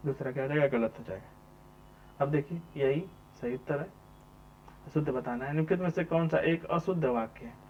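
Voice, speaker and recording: A male teacher with a brisk, somewhat high voice works through exam questions one at a time, repeating each number before answering it himself. The recording sounds dull and lo-fi, with mains hum.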